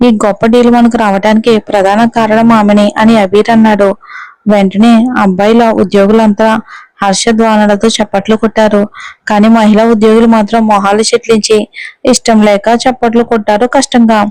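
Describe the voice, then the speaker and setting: A woman narrating a serialized romance audio story in a steady storytelling manner. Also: medium pitch, fairly quick, clean tone, no room sound, rough recording. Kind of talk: scripted narration.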